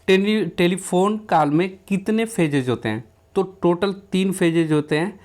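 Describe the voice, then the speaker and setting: Fairly high-voiced man teaching. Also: darkish tone. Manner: reads English questions slowly, then explains in Hindi. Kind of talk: exam question walkthrough lesson.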